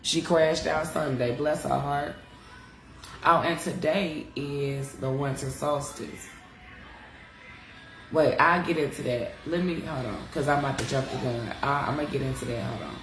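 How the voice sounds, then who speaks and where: A congested woman with a very deep voice gives an unhurried, casual astrology talk on a live stream, chatty and frank, swearing freely and addressing viewers as y'all. She's an astrology teacher on a live-stream device mic, and the sound is roomy with faint music behind.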